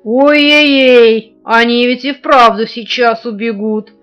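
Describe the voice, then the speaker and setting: A woman voicing a sleepy little teddy bear cub in a storybook reading, grumbling slowly and loudly, on a dull lo-fi recording with faint guitar. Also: on the high side, steady tone. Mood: worried. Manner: grumbling, drawn-out, loud.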